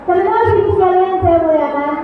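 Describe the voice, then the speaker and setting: A woman's voice: very high-pitched, moderate pace, a little hiss or hum. A woman preacher giving a religious talk to mothers in a hall, with a sing-song lilt, Arabic recitations and questions put to the audience. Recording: tinny echoey hall recording.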